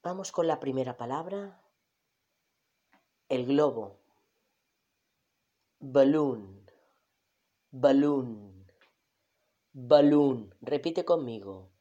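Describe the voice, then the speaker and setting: Slow, patient teacher woman. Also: low voice, warm tone. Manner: patient, repeats each word slowly. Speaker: English teacher. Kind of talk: slow children's language lesson.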